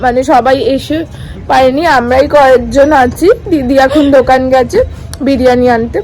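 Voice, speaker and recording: A young woman, her voice hoarse from a cold, chatting casually to viewers in a vlog. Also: high voice, fairly even intonation, normal speed, darkish tone, poor audio. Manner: chatty, addresses viewers directly. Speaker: vlogger. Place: indoors and on a rooftop at night.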